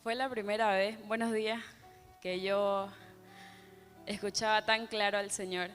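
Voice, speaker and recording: A woman's voice: medium pitch, unhurried. A woman with a Bolivian accent, a church member eagerly telling her testimony. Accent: Bolivian Spanish. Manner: animated, eager storytelling. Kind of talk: spoken testimony. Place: church hall. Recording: reverberant church hall with music.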